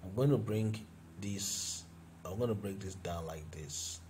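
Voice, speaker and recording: Slow, deep-voiced man teaching design. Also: background noise. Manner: talks through each step while working, with fillers and restarts. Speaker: design tutor. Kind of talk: screen-recorded software tutorial.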